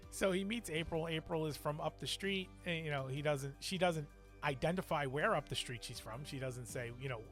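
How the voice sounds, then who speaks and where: A man co-hosts a horror movie podcast in a relaxed, sarcastic way, laughing now and then. His voice sits a little high. Faint music plays underneath. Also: moderate pace. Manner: wry, sarcastic, laughs often. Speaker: podcast co-host. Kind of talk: casual movie review chat.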